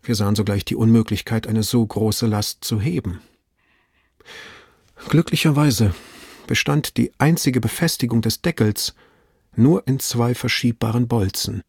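Gravelly male audiobook narrator. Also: mid-range voice, measured pace, a little mellow, no echo, studio quality. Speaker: audiobook reader. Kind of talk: scripted narration.

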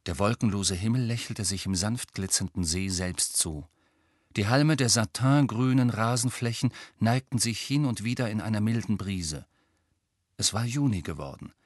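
A man reading a novel aloud as an audiobook narrator in a measured storytelling manner. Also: fairly low pitch, no room sound, studio quality. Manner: measured storytelling with character voices. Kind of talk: scripted narration.

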